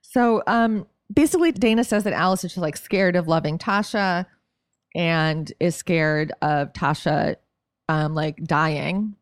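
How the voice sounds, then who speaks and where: A woman's voice: fairly low pitch, measured pace, no room sound, clean studio sound. A woman co-hosting a podcast in casual chat, chatty and full of fillers. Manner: chatty, frequent "like" fillers, laughing asides. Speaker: podcast co-host.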